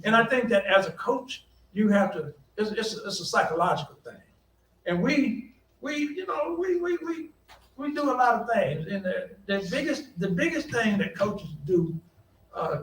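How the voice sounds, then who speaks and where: An older man, a college coach telling folksy, animated stories on a conference panel. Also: sits high, normal speed. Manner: folksy, animated anecdotes with quoted voices and laughter. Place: conference hall. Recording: echoey hall from a distance, faint background hum.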